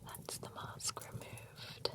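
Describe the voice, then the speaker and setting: In an ASMR roleplay, a woman voices a genteel female vampire who works as a spa attendant. She whispers slowly and close to the mic, soft and courteous, chatting gently.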